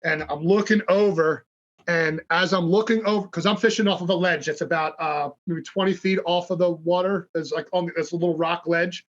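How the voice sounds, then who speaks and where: A man with a slightly high, bright and forceful voice tells a fishing story as a podcast guest. He swears freely and acts out what his buddies said. The audio is lo-fi and dull. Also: fairly even intonation, moderate pace. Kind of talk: casual storytelling.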